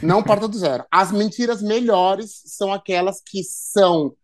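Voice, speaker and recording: A man's voice: high-pitched, moderate pace. A man with a Brazilian Portuguese accent, hosting a podcast in casual chat, addressing listeners and often stumbling over repeated words. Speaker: podcast host.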